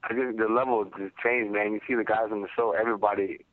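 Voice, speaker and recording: Man, deep voice, rapid informal talk, fighter interview answers, thin phone audio. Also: fairly even intonation, no room sound. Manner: informal, frequent "you know" and "man". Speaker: fighter answering media questions. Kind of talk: casual interview answers on a conference call. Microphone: telephone. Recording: muffled phone conference line.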